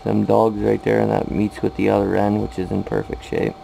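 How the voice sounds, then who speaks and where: Here an American man from California, a machinist, shows how to fix something in an indoor machine shop, his lowish voice warm, animated and brisk with vocal fry. His hands-on walkthrough stays casual, plain-spoken and matter-of-fact. The audio is a noisy amateur recording from the workshop.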